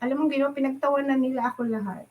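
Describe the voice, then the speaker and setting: A middle-aged woman from the Philippines tells stories from her nursing work in a relaxed chat, her voice sitting a little high. She is animated and laughs often. She slips into quick impressions of the people she quotes. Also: muffled recording. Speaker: interview guest, nurse. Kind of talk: casual storytelling chat.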